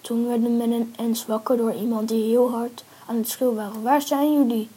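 A woman telling an invented story aloud in simple, halting sentences, breathy and often whispery. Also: a little high, completely flat delivery, dark tone.

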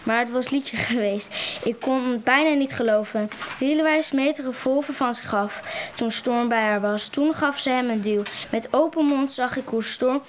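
A woman's voice: high voice, moderate pace, slight background noise. A woman reading a passage from a book aloud, stumbling and restarting words.

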